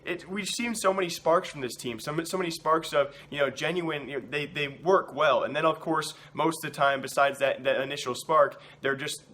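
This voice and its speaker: A man's voice: fairly high pitch, moderate pace, hardly any pauses, sharp tone. A young man with a sick voice hosting a casual esports news show, talking energetically with frequent restarts.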